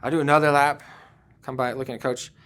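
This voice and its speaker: A man's voice: mid-range voice, little pitch movement, quick pace, fairly bright tone. A man giving a virtual conference presentation, talking in a conversational way and telling personal stories, often with "um" and "you know.". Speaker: conference speaker.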